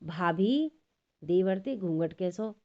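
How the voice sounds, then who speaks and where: A woman's voice: lowish voice, animated, takes it slowly, lo-fi sound. A woman voicing a playful, mischievous young cowherd boy who teases in a sweet, coaxing way. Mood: teasing.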